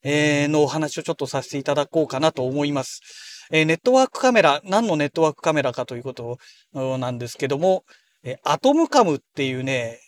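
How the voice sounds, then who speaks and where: A man hosting a daily audio log from inside a car, talking in a polite, chatty way with many soft fillers. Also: a little high, no room sound. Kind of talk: casual solo talk.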